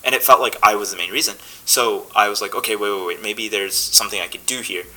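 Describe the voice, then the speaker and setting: A young man, an actor, talking casually as a podcast guest, relaxed and chatty with many fillers and restarts. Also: lowish voice, fast, rough recording.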